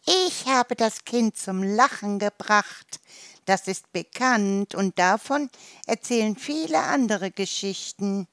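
A woman voicing a tiny, cheeky male flea in a storybook tale, with a high, chirpy, excited delivery. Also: slow, no echo, studio quality.

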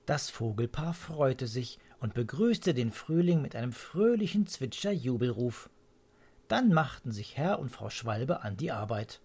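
A storyteller reading a children's story aloud in an expressive, unhurried way. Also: mid-range voice, husky.

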